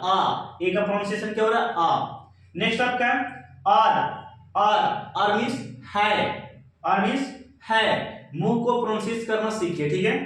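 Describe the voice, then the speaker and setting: A man's voice: high-pitched, a bit bright. A male English pronunciation teacher with an Indian accent, drilling words and repeating questions and answers to his students. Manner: repetitive call-and-response drilling, asks and answers himself. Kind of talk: classroom-style pronunciation lesson. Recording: very echoey room, voice from a distance.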